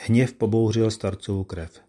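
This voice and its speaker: A man reads an old tale in a measured, solemn way. His voice sits low and has a soft, dark tone. The telling is unhurried and steady. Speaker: narrator. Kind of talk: scripted narration of a classic tale.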